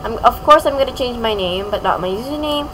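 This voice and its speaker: A woman's voice: fairly high pitch, expressive, fairly quick, a bit bright, a little hiss or hum, poor audio. A young woman hosting a gaming channel, giving casual, playful gameplay commentary and laughing often.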